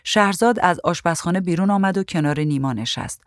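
Calm woman reading a story. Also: fairly low pitch, no room sound, studio quality. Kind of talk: storybook narration.

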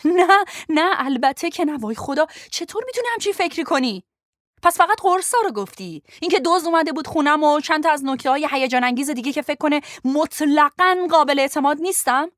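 A woman's voice: extremely high pitch, very animated, hardly any pauses, fairly bright tone, no room sound, pitched above the performer's own voice, full character voice. A woman reads the part of a young male journalist, flustered and on the back foot. He stammers his denials and apologies in a plain, dry audiobook voice. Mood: defensive. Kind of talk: audiobook dialogue reading.

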